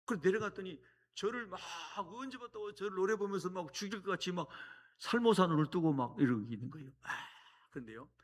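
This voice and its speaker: Animated middle-aged male preacher. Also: high voice, a little fast. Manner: animated storytelling with sudden loud exclamations. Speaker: guest preacher. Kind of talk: sermon. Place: church sanctuary.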